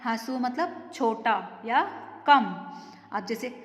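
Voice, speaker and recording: Casting: woman teacher, high-pitched, unhurried, quizzes kids then answers herself; echoey room with long reverb. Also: a bit bright. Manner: patient, asks questions and answers them herself. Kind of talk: grammar lesson for children.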